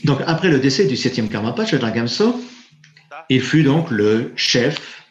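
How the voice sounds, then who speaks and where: A man giving a live interpretation of a Buddhist teaching, halting and correcting himself as he searches for words. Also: medium pitch, sing-song. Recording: roomy, dull lo-fi sound.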